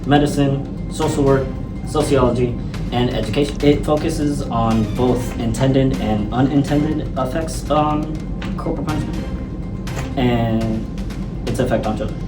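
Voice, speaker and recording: A man giving a measured class presentation on a study. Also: mid-range voice, reverberant, distant mic, loud music behind the voice, rough recording.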